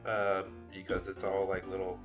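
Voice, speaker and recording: A deep, monotone male voice at normal speed comes through a muffled recording with soft music behind it. He's at home in a cat-hair-covered room, working with food and swearing through a rambling, casual vlog for his viewers.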